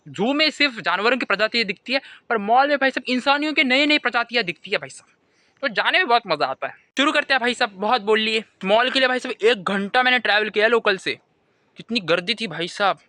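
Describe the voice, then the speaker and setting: A young man telling a comic monologue to camera, animated storytelling that keeps circling back to a catchphrase. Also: very high-pitched, quick pace, no room sound. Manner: animated storytelling, keeps repeating "bhai sahab". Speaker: comedy vlogger. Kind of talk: stand-up style comic monologue.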